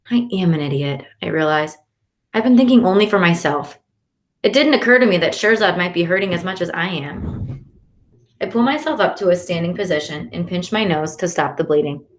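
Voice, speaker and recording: A woman narrating a first-person children's novel in an expressive reading voice. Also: lowish voice. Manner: expressive, shifting into character voices. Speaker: audiobook narrator. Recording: roomy echo.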